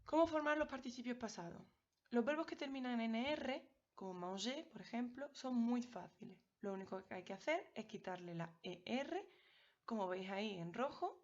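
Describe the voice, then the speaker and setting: A woman's voice: fairly high pitch, darkish tone. Patient woman teaching a grammar lesson. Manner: clear, patient, addresses students directly. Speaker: French teacher. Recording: slightly dull lo-fi audio.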